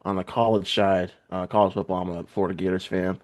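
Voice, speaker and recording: A man's voice: low-pitched, flat delivery, quick pace, darkish tone. A young American man guesting on a podcast, talking in a laid-back, hesitant way with many fillers. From United States. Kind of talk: casual podcast chat.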